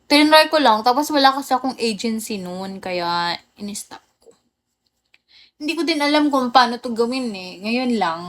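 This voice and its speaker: A young woman hosting a casual livestream, chatting with viewers, greeting them by name and laughing often. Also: a little high. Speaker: livestream host. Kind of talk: casual live chat with viewers.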